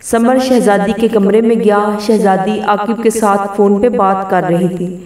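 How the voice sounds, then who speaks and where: A woman narrating a story in an even storytelling voice, reading every character's lines herself. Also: medium pitch. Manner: reads all characters' dialogue in her own voice. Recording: very echoey room, distant mic.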